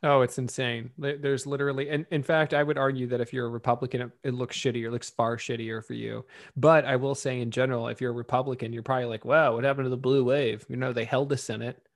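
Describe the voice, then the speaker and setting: A man's voice: mid-range voice, flat delivery, fast talker, no room sound, studio quality. A man co-hosting a podcast, chatting casually about politics in a profane, sarcastic, rambling way. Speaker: podcast co-host.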